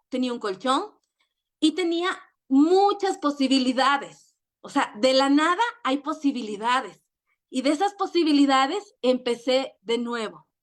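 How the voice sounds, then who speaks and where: A middle-aged woman with an Ecuadorian accent telling her personal story in an emotional, earnest way, often halting and repeating words. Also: high-pitched. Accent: Ecuadorian Spanish. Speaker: network marketing leader. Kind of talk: personal testimony.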